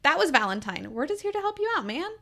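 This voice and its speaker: A woman's voice: sits high, sing-song, fast, gravelly, sharp tone, pitched above the performer's own voice, full character voice. A woman voicing a middle-aged werewolf man who talks in casual, slangy podcast retelling.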